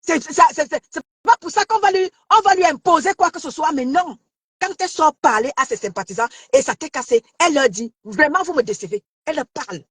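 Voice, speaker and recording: A woman from Cameroon ranting to her online followers, confrontational, shouting and taunting, stammering and repeating herself. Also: sits high, animated, a little fast, no echo. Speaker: social media commentator. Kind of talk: heated live rant.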